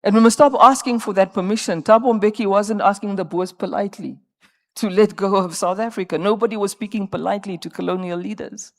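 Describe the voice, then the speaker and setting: A woman's voice: medium pitch, a little fast. A woman in her fifties speaking on a conference panel, emphatic and rallying, sometimes repeating words as she searches for the next one. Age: 50s. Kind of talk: panel discussion remarks. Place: conference stage.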